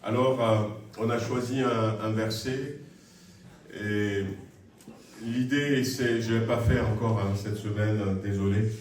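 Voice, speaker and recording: A man with a fairly low, darkish voice gives church announcements slowly and steadily, hesitating often and using many fillers, though he stays friendly. He is recorded from far off in a big, very echoey church hall, with a little hiss or hum.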